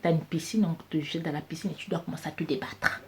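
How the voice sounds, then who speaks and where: This woman's low voice holds a steady tone and moves fast, with a slight hiss or hum in the audio. She has a Cameroonian French accent and, as a business coach vlogger, drives home her motivational business points by repeating key phrases.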